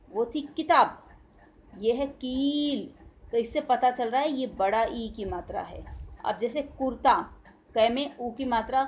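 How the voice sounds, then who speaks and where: Casting: high-pitched woman teacher, Indian Hindi accent, patient and slow, stretches out each syllable for small children to repeat. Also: darkish tone. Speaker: school teacher. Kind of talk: recorded Hindi grammar lesson for young children.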